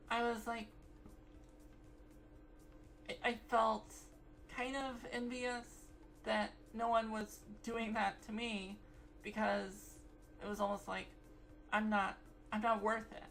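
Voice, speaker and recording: A woman's voice: on the high side, little pitch movement, slow pace, pauses often, a bit bright, a little hiss or hum, poor audio. A young woman vlogging in a casual, rambling way, full of fillers and restarts. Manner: rambling, many fillers and self-corrections.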